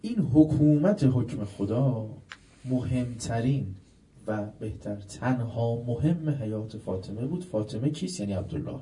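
A man giving a religious sermon, putting rhetorical questions to his listeners and swinging between loud emphasis and quiet asides. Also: mid-range voice, animated, far from the mic, low-quality recording. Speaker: preacher.

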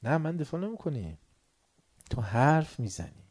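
A man giving a religious lecture, swinging between soft asides and loud, heated outbursts. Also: a little high, big pitch swings. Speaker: preacher.

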